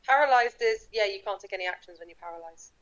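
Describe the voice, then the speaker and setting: A woman's voice: mid-range voice, animated, fast, dull audio. A woman with a northern English accent, chatting casually as a player in a tabletop game, self-deprecating.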